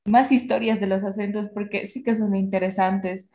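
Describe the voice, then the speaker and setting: Mellow-voiced woman interviewer in an echoey room. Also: mid-range voice, steady tone, normal speed. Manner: curious, asks follow-up questions, chuckles. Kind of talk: casual conversational interview.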